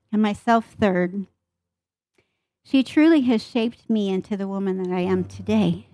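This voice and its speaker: Slow-speaking woman giving a church testimony. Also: medium pitch, no echo. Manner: earnest, warm storytelling with scripture quotes.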